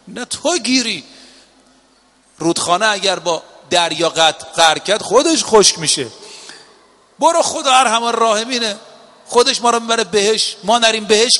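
A man preaching a sermon to a gathering, telling a story and acting out its lines, with drawn-out emphatic phrasing. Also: high voice, bright, forceful tone. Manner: impassioned, drawn-out emphatic phrasing with quoted dialogue. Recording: long reverb of a hall.

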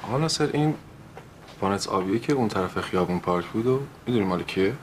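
A man's voice: fairly low pitch, expressive, a little hiss or hum, close to an everyday voice. An actor playing a considerate, respectful working man in a screen drama, speaking in an understated way. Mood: calm, preoccupied. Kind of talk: naturalistic screen drama acting.

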